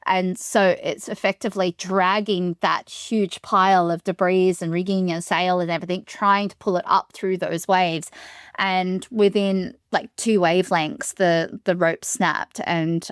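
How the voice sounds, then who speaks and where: A woman who is a solo sailor, telling the story of her ordeal in an interview in a steady, matter-of-fact way. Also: lowish voice, a little slow, smooth, no room sound, clean studio sound.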